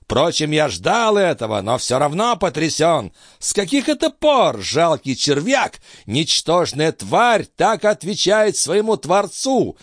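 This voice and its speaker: A man voicing an ancient, frail male alchemist, wrathful and scornful, with a weak, quavering old voice and shrill shouting outbursts. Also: very animated, measured pace, hardly any pauses, dry recording, studio quality. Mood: furious. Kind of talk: audiobook character voice.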